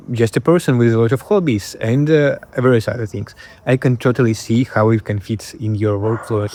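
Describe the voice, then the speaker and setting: A man from Belarus with a Belarusian accent talks casually to camera as a creator, pausing and repeating phrases while he searches for words. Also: medium pitch, darkish tone, slight background noise. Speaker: video creator and host.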